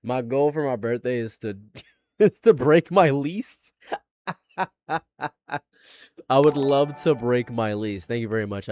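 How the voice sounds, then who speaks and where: A man's voice: medium pitch, a little mellow, dry recording, studio quality. A man in his late twenties, a live streamer chatting casually, rambling and repeating himself, laughing often. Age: late 20s.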